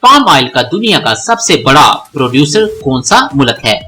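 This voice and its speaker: A narrator reads exam quiz questions and answers, taking the English slowly and the translations briskly. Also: mid-range voice, sing-song, bright, forceful tone, rough recording.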